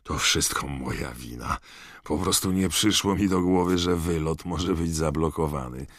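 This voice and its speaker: A man voicing an excitable middle-aged wizard father who is curious and fussy, in an audiobook. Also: no echo, clean studio sound. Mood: apologetic, fussy. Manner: high-pitched, wondering, drawn-out exclamations. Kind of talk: audiobook character voice.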